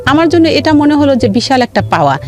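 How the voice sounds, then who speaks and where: Speaking quickly in a high-pitched, sing-song voice, a woman with a Bangladeshi accent recounts her life for a radio interview while music plays underneath. She grew up in rural Bangladesh and repeats phrases emphatically to stress them.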